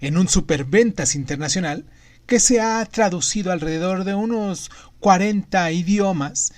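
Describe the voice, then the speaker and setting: Guy podcast host w a kinda high voice, reading out a book summary, punches certain phrases. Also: moderate pace. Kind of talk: semi-scripted narration of a book summary.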